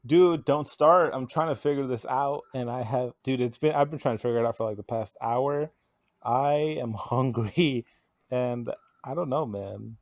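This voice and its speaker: A man's voice: mid-range voice, moderate pace, darkish tone, dry recording, clean studio sound. A tipsy man co-hosting a podcast, bantering casually with his friends. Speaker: podcast co-host.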